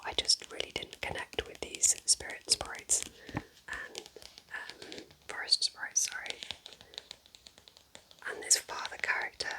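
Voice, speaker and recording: An ASMR creator whispers book recommendations in a breathy, unvoiced tone, keeping things gentle, informal, and chatty. The recording is rough.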